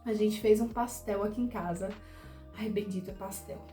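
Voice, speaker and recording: A woman's voice: medium pitch, fairly even intonation, moderate pace, warm tone, soft background music. Young female vlogger, chatty storyteller, mid-range voice, echoey home room. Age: 20s. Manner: chatty storytelling, giggly, reads out her text messages. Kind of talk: casual chat.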